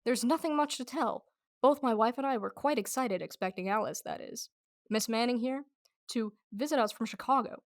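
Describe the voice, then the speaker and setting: Woman playing an earnest husband, slightly high voice. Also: normal speed, natural voice. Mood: earnest, defensive. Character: earnest, defensive husband, a businessman. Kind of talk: amateur radio drama acting.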